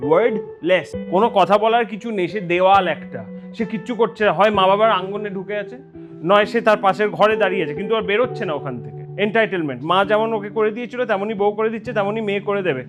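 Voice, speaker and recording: An animated man talks quickly in a fairly high voice, giving a mocking comic monologue and dropping English phrases into his speech. Guitar music plays steadily underneath him. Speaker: speaker on family and masculinity. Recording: guitar music playing behind.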